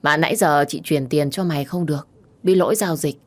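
A curt, businesslike older-sister figure who talks in a casual, familiar way, as a woman storyteller puts her on. Her voice is low and matter-of-fact. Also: fairly quick.

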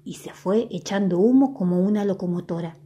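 Give me an expressive woman reading a story to kids. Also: mid-range voice, fairly quick. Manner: lively, expressive. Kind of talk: children's story read-aloud.

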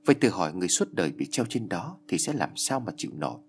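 A man voicing a calm, stern old boatman who accuses the guilty in a storybook reading. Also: lowish voice, brisk, a little hiss or hum.

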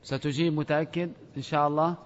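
A man's voice: fairly high pitch, level tone, fast talker. A man teaching a grammar class, quizzing students with a playful, commanding manner. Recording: dull audio in a reverberant hall.

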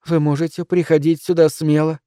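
Man doing a gentle young woman, anxious and pleading, higher voice, warm, dry sound. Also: level tone, fairly quick, no echo, lightly acted. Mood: tender, anxious. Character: tender earnest young woman, worried.

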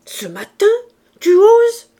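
A woman voicing a domineering, quick-tempered mother in a French audiobook, with indignant, shrill outbursts. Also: sing-song, darkish tone. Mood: scolding. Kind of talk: audiobook reading.

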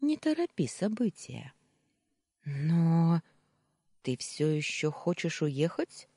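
A woman voicing a caring young female housemaid friend who speaks in a gentle, probing, calmly teasing way. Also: low-pitched, slow pace, dry recording, studio quality, exaggerated voice.

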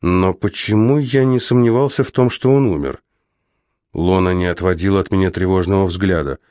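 A man narrating a first-person fantasy audiobook in a measured, steady manner. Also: low-pitched, dry recording, clean studio sound.

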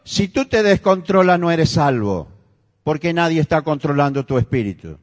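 A male pastor with a Rioplatense Spanish accent delivers an emphatic sermon, his high voice climbing toward near-shouts. The sound carries a long reverb, as if recorded in a large, echoey church hall. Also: big pitch swings, normal speed.

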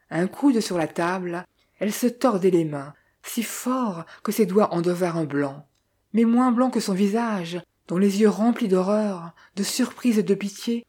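Woman narrator, audiobook, mellow tone, husky, measured delivery. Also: mid-range voice. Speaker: audiobook reader.

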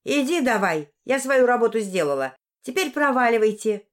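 A woman's voice: fairly low pitch, big pitch swings, unhurried. A woman voicing a grumpy old peasant woman who scolds bluntly in a rustic way, in an audiobook. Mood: dismissive. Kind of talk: audiobook character voice.

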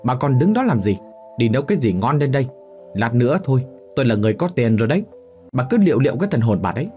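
A man's voice: medium pitch, very animated, fast talker, a little mellow, soft background music, lightly acted. A man playing a scornful, hot-tempered son. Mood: arrogant. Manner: snapping, contemptuous. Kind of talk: storybook narration with voiced characters.

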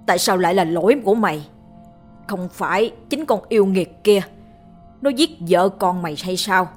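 A woman voicing a fierce, hot-tempered old father who shouts in fury, reading a ghost story with faint music behind. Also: mid-range voice, animated, normal speed, natural voice. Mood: outraged. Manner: shouting, furious.

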